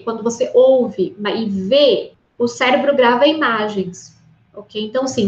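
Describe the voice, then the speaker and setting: A Brazilian woman teaches a casual online language lesson in a fairly high voice, chatting along and checking in with her listener. The sound is roomy and a little dull. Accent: Brazilian Portuguese. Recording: roomy, slightly dull recording.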